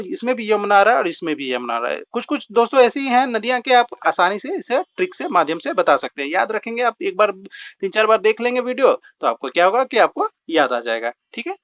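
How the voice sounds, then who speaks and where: A man's voice: high voice, a bit bright. A man teaching a general-knowledge lesson for exam prep, explaining with rhyming tricks and often saying "friends" and "okay". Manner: repeats filler words like "dosto" and "theek hai"; explains with rhymes and mnemonic tricks. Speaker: GK quiz teacher. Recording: dull lo-fi recording.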